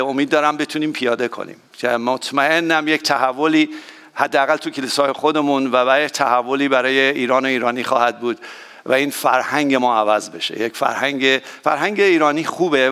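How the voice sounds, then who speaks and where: A man, a pastor, giving a sermon to his congregation in a lively, familiar way. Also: medium pitch, clear, resonant tone, big-room sound. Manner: warm, excitable, addressing the congregation directly. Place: church hall.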